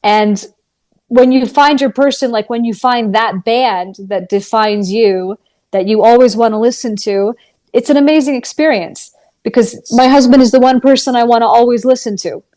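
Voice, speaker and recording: A woman's voice: on the high side, normal speed, warm tone. A woman in her thirties, a musician guest, talking earnestly and thoughtfully in a casual interview.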